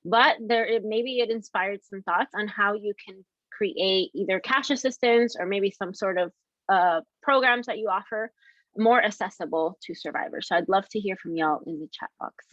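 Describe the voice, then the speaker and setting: A woman's voice: medium pitch, normal speed, a bit bright, dry recording. A woman hosting a webinar question and answer session in a friendly way, reading audience questions aloud. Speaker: webinar host. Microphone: video call. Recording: dry, muffled call audio.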